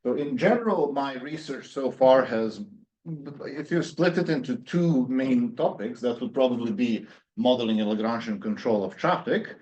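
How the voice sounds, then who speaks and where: A man's voice: mid-range voice, moderate pace, a little mellow, muffled recording. A man in his thirties from Serbia, giving an academic lecture with many fillers and restarts. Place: university seminar room.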